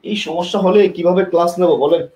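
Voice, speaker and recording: A man's voice: high voice, fairly even intonation, fast talker, warm tone, a little hiss or hum. A man teaching an online exam-prep class, often repeating himself and asking students questions, recorded by a camera mic in a classroom with a board. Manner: demonstrates with tongue and lips.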